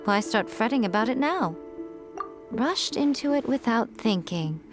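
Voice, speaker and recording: A woman's voice: fairly high pitch, expressive, a little slow. A woman voicing a sly, haughty, teasing fox-spirit familiar in a video game, speaking in smug, arch, theatrical phrases. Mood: wry, exasperated. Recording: music under the voice.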